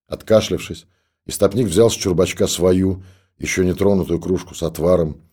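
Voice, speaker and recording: Male audiobook narrator, low and mellow, measured delivery.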